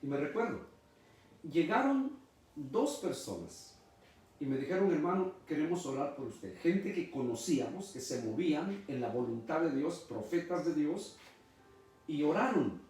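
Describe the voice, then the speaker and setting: Middle-aged male pastor, emphatic sermon delivery, animated intonation, roomy and distant recording. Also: on the high side, a little slow. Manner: emphatic, preacherly. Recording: echoey room, mic far off.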